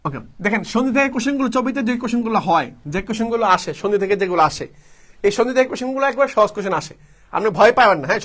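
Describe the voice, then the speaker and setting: Very high-pitched and sharp in tone, this man leads a live internet class preparing students for an admission test. He keeps quizzing the room and answering his own questions in a repeated call-and-response pattern.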